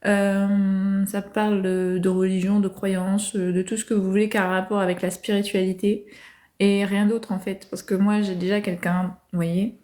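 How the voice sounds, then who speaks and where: A woman hosting a casual livestream, answering viewers' comments calmly and hesitating with many fillers. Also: mid-range voice, normal speed. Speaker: livestream host.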